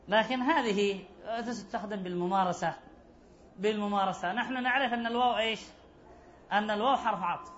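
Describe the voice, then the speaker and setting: Repeating important phrases and asking rhetorical questions, a man teaches Arabic grammar to a class. His voice is high-pitched and fairly bright, and the dull lo-fi recording carries a little hiss or hum.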